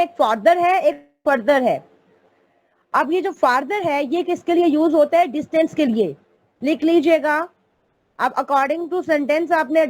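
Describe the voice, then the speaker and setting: A woman with a high-sitting voice teaches an online English grammar class. She explains patiently, step by step, and calls her students "beta".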